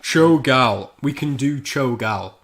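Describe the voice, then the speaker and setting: A man's voice: mid-range voice, lively intonation, slow pace, a bit bright, reverberant. Crude, laughing male streamer. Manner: crude, laughing banter while drinking. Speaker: livestream host. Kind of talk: casual chat.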